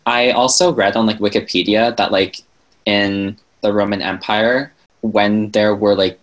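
A man's voice: lowish voice, steady tone, unhurried. A young man as a podcast guest in casual chat, joking dryly and filling his talk with "like.". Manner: sarcastic, joking, many "like" fillers.

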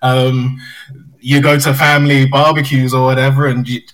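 A man's voice: medium pitch, flat delivery, moderate pace, fairly bright tone, rough recording. A man hosting a casual podcast chat, talking hesitantly with lots of "like" and restarts. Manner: hesitant, filler-heavy with "like" and restarts. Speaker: podcast host.

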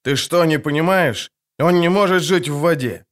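A stern, weary witcher with a terse, patient way of talking, as a male audiobook reader plays him. The voice sits slightly high and stays even and controlled. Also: normal speed, lightly acted. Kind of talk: audiobook character voice.

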